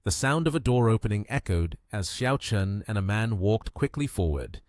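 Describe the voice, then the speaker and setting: A man narrating a comic recap in an even, storytelling manner. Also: lowish voice, normal speed, no room sound, clean studio sound.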